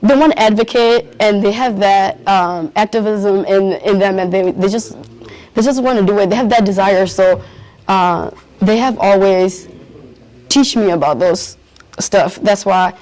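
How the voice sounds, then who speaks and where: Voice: medium pitch, measured pace, darkish tone, rough recording. A young adult, answering interview questions earnestly and searching for words. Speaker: youth interviewee at a community event.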